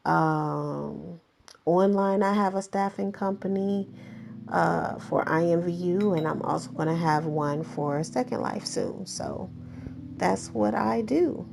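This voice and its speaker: A woman's voice: fairly low pitch, animated, slow, gravelly, background noise. A woman in her thirties, chatting at a cast reunion in a sassy, talkative way with many fillers. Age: 30s. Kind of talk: casual reunion chat.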